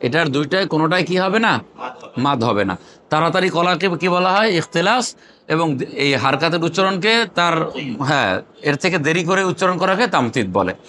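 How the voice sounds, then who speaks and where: A man with a fairly high voice teaches a class how to pronounce Arabic letters for Quran recitation. He keeps asking short questions and has the students repeat each letter name after him. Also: expressive, fairly quick, bright, forceful tone, slight background noise. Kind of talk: classroom lesson with call-and-response drills.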